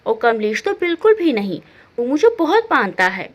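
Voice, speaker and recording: A stern, aging mother-in-law from a family storybook, as a woman narrator puts her on, speaking in a slow, measured, lecturing way about duty. The voice is lower than the narrator's own but still swoops up and down. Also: sing-song, dull audio. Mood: calm.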